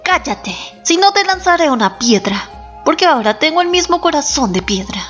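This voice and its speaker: A woman voicing a proud, victorious male Inca general who speaks harshly and boastfully, with soft music behind. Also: sits high, big pitch swings, normal speed, voice pushed up. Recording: slightly dull, soft background music.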